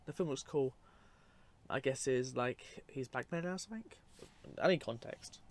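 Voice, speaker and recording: A man's voice: medium pitch, moderate pace, slight background noise. A man giving casual, unscripted commentary over clips, rambling and matter-of-fact with dry asides. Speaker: narrator of a film clip compilation.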